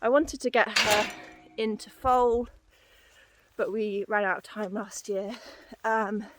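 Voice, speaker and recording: A female horse owner walks through hilly, boggy paddocks chatting for her vlog, out of breath and puffing. She speaks slowly at a medium pitch with little variation, over heavy background noise.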